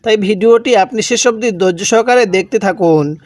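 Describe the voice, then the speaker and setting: A man teaching Quran reading in Bengali with a Bangladeshi accent, spelling out words slowly and asking and answering his own questions. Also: high voice, no echo, studio quality. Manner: drills syllable by syllable, asks and answers own questions. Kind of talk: slow spelled-out recitation lesson.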